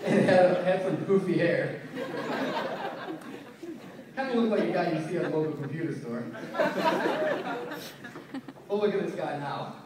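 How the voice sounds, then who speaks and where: A young man giving a best man's wedding toast, telling informal, joking anecdotes with pauses. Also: fairly high pitch, over a noisy crowd. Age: young adult. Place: large reverberant room at a wedding reception. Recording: echoey noisy room, distant mic.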